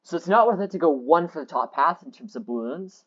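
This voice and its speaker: A man's voice: fairly high pitch, expressive, brisk, dull audio. A young man casually walking through his spreadsheet of game test results, rambling with many fillers and restarts. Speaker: game video creator. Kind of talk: casual screen-share walkthrough.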